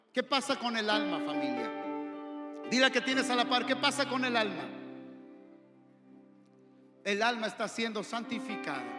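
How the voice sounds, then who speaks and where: A male pastor with a Mexican accent preaching a sermon in a church hall, impassioned, rising to shouts and asking the congregation questions. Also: high voice. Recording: echoey hall with long reverb, faint music.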